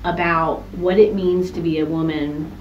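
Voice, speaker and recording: A woman's voice: fairly low pitch, steady tone, normal speed, muffled recording, slight background noise. A woman talking earnestly in an interview about a book project she started. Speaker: founder of a women's book project. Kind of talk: reflective interview talk. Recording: roomy with music behind.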